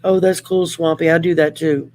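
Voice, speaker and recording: A middle-aged woman with a raspy, worn whiskey voice hosts a casual live chat in an unhurried, rambling, plain-spoken way. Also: deep voice, steady tone, darkish tone. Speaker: live show host.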